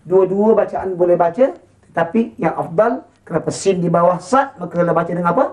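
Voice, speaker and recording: A Quran recitation teacher with a Malaysian Malay accent, chanting slow model verses and then quickly explaining and quizzing pupils. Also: medium pitch, darkish tone, dull audio. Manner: quizzing pupils with short questions. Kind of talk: classroom lesson with call-and-response.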